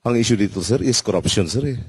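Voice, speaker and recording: A man's voice: fairly low pitch, quick pace, darkish tone, husky, no echo. An earnest man speaking politely and steadily about why he and his comrades spoke out, often adding "sir" and "po". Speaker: former marine speaking out on corruption.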